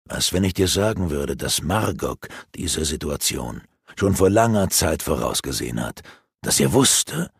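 Man voicing a scheming dark sorcerer, low sneering voice, gravelly, dry studio sound. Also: animated, dry recording, full character voice. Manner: mocking, low and slow. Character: sneering sinister male renegade sorcerer. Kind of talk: audiobook character voice.

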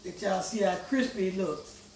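A man's voice: high voice, moderate pace, darkish tone, slight background noise. A middle-aged man hosting a home cooking vlog, talking casually to himself and viewers as he cooks in his kitchen. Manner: easygoing, talks to himself while cooking. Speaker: home cooking show host. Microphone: fixed camera across the kitchen. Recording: echoey kitchen from far off. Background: frying and sizzling food.

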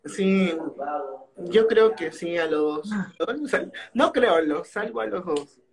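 A man chatting as a guest over a video call, quick and playful, slipping at times into an announcer voice. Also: high-pitched, expressive, vocal fry, a crowd in the background. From Peru. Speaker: guest, radio presenter. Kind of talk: casual interview chat.

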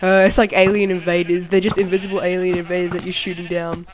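Casual game-tutorial host, excitable, laughs and exclaims easily, rambling and chatty delivery. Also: mid-range voice, fast talker, noisy background. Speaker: channel host.

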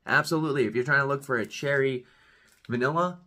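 Bright-voiced young man, laid-back and rambling. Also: mid-range voice, fairly quick. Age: 20s. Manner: laid-back, rambling, slangy, self-deprecating. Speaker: pipe tobacco reviewer, video host. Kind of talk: casual chat review to camera. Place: small room at home.

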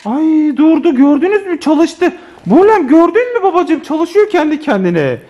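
Man, family vlogger, high voice, swooping animated pitch, excitable, chatting to viewers at home. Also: moderate pace. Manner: excitable, keeps addressing viewers as friends. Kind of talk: casual family vlog.

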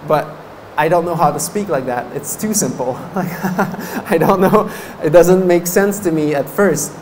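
A little mellow and on the high side, this voice moves at a measured pace, with a little hiss or hum in the background. It belongs to a Buddhist monk in his thirties, a native French speaker from French-speaking Canada, giving a chatty dharma talk at a meditation course with frequent laughter between fillers. He gestures while seated before a banner in a meditation hall, facing a stand mic.

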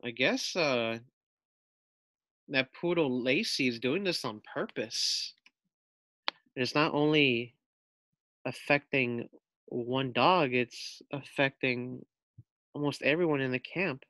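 His medium-pitched voice has a sharp tone as the teacher reads a children's picture book with expression, breaking off to put questions to the young audience. The recording has no echo.

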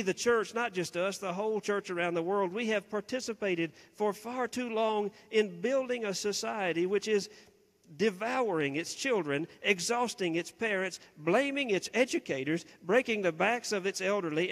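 A Southern US pastor preaches in a big church sanctuary, his voice sitting high for a man. He is earnest, asks his questions again and again, and often sinks to a hushed tone. The hall answers him with long reverb. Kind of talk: sermon.

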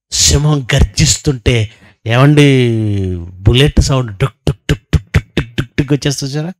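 A man delivers a sermon in a somewhat high voice, his pitch leaping and dropping as he moves between loud exclamations and near-murmurs. He fires rhetorical questions and imitates animal sounds. The sound is dry and close to the mic. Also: no echo. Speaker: pastor.

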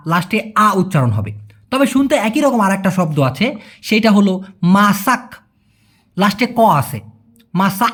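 A man teaching a video language lesson, explaining step by step and often quizzing the viewer. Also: high-pitched.

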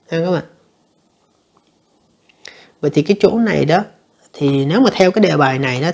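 A woman teacher, going through an English exam answer by answer and reading the English lines slowly. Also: deep voice, creaky, a little mellow. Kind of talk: exam review lesson.

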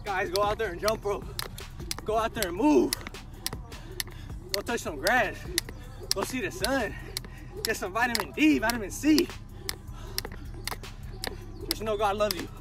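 A man's voice: high-pitched, expressive, a little slow, long pauses. A nineteen-year-old man in a casual selfie vlog, outdoors by the water and on a jet ski, talking in a hyped, slangy, motivational way into a phone held at arm's length. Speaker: vlogger. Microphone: phone camera at arm's length. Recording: loud wind and engine noise.

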